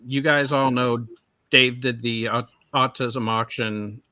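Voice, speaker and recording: A man hosting a podcast, speaking in a measured, appreciative way. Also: medium pitch, fairly even intonation, sharp tone. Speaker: podcast host. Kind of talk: casual podcast chat.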